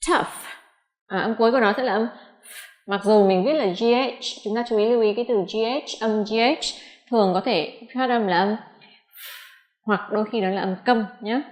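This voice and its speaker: A woman teaching English pronunciation in a lesson, with a voice of middling pitch. She spells out letters and drawls each example word slowly and carefully. The room around her rings with a noticeable echo. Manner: slow, deliberate modelling of English words.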